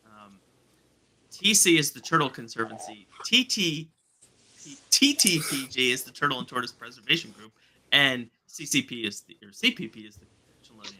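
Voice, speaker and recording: A man's voice: mid-range voice, lively intonation, moderate pace, sharp tone, slight background noise. A man hosting a casual live stream on a video call, chatty and joking, often trailing off and restarting. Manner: chatty, trails off and restarts, jokes about acronyms.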